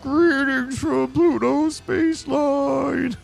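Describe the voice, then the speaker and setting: A man's voice: high-pitched, very animated, measured pace, vocal fry, darkish tone, faint music behind, voice pushed up, full character voice. A man voicing Pluto's part as an over-eager, showy space transport operator in a silly clown voice, for a video game. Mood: booming enthusiasm. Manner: silly clown voice, enthusiastic, showy announcer delivery.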